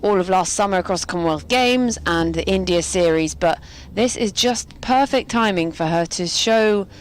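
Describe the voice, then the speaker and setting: A woman's voice: on the low side, moderate pace, slight background noise. A woman co-commentating on a cricket match from a commentary box, giving chatty analysis of the players with light jokes. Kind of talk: sports colour commentary. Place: commentary box at a quiet ground.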